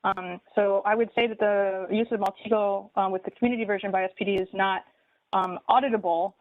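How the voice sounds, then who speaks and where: A woman's voice: mid-range voice, fairly even intonation, fairly quick, dry recording. A woman giving a detailed, methodical public comment at a city meeting. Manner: detailed, methodical, with many ums. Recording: tinny phone-like line.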